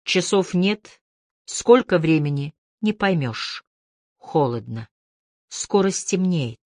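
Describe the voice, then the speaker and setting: A woman's voice: lowish voice, lively intonation, takes it slowly, a little mellow, no room sound. Woman reading a novel, dry close sound. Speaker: audiobook narrator. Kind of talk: literary audiobook narration.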